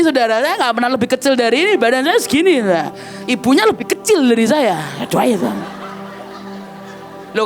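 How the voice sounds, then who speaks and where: High-voiced woman pastor preaching animatedly. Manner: animated storytelling, often calling listeners "saudara"; bursts into shouts and laughs, then drops quiet and somber. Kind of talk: sermon.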